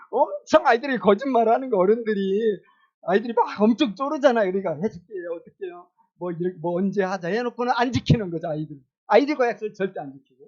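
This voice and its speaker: A man's voice: high voice, darkish tone, dull audio. A male pastor preaching a sermon in a casual, conversational way, asking the congregation questions and chuckling now and then.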